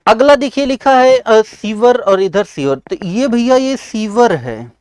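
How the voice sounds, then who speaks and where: An expressive, high-voiced teacher with a North Indian accent takes his exam-prep English lesson slowly, his tone somewhat dark. He answers his own questions and blends in English terms, coughing and clearing his throat often. The recording is dry and close, with no room sound.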